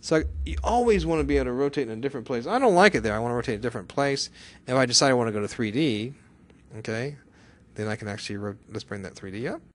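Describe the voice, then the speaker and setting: A software instructor teaches in a casual screencast style, talking fast in a mid-range pitch. He's animated and chatty, sprinkling the lesson with exclamations and quick questions for the learner.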